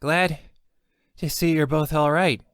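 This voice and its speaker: A man voicing an excitable male gnome with a blurting, frantic manner, read in a storybook. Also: a little high, slow, clear, resonant tone, no echo, studio quality, voice pushed up. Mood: friendly.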